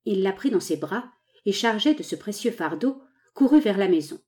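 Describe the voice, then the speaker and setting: A woman reads a romantic novel aloud with measured, dramatic pacing. Her tone is mellow and warm, and her pitch sits in an ordinary middle range. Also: animated. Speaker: audiobook narrator. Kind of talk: scripted novel narration.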